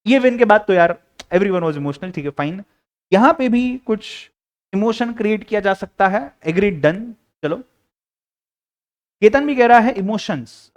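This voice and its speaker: A young Indian-accented man teaches a live class in a voice pitched high for a man. His pitch swings widely as he playfully coaxes students to speak up and answer.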